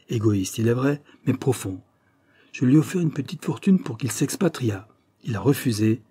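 A man's voice: medium pitch, dark tone, slightly rough, dry recording, natural voice. A man reading an audiobook, voicing an anguished, guilt-ridden young man who confesses and breaks into desperate outbursts. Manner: tormented, rising to desperate outbursts.

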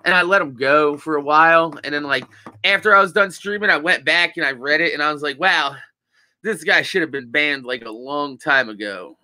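A man's voice: on the high side, normal speed, bright, forceful tone, no echo. A young man with a groggy morning voice, chatting casually to his live-stream viewers in a laid-back, rambling way with plenty of swearing. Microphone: desk mic.

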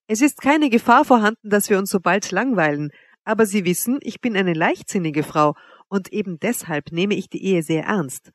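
A woman's voice: medium pitch, lively intonation, normal speed, dry recording, close to an everyday voice. A woman reading an audiobook, voicing a haughty young noblewoman who teases her suitor with cool mockery. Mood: teasing. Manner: teasing, coolly mocking. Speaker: princess Wanda.

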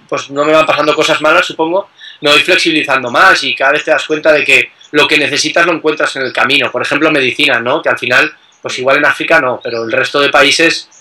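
A man chatting casually as a guest about travel, relaxed, with many fillers and tag questions. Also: a little high, rough recording. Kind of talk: casual conversation.

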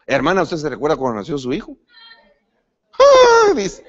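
A male pastor preaching a sermon in an animated, swooping voice pitched somewhat high, calling the congregation "brother" and often restarting mid-phrase. The recording is dull and lo-fi. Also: fast. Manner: lively pitch swings, rising to sudden emphatic peaks.

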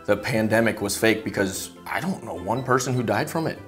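A woman playing a deadpan, earnest conspiracy-theorist saleswoman in a comedy sketch, with a low voice. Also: a little fast, soft background music.

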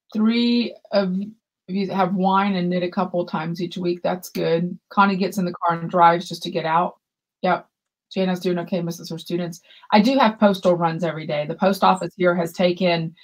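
A woman in her fifties, with a fairly low-pitched voice, co-hosts a yarn shop livestream over a webcam video call, chatting casually and reading viewer comments aloud. Behind her, shelves of yarn line the room, and the audio quality is poor.

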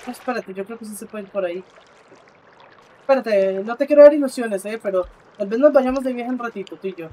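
A man giving casual live commentary while he plays, talking to the game character and to his viewers, swinging between exclamations and low muttering. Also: fast talker, hardly any pauses, warm tone, a little hiss or hum. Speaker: streamer.

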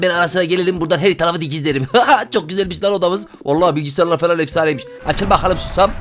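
A man giving excited let's-play commentary as a gaming YouTuber, exclaiming loudly and chatting with his viewers. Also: a little high.

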